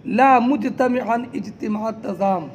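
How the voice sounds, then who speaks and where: A man teaching a class, explaining slowly term by term, asking his students question after question and calling them "beta". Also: very high voice, muffled recording, a little hiss or hum. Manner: quizzes students with repeated questions; addresses listeners as "beta". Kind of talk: classroom lecture.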